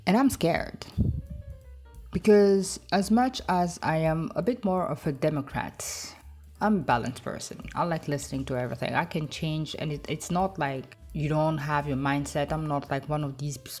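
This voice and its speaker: Low-voiced chatty woman from Africa. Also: moderate pace, darkish tone, faint music behind. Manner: chatty, rambling and frank. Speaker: reaction video host. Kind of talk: casual chat.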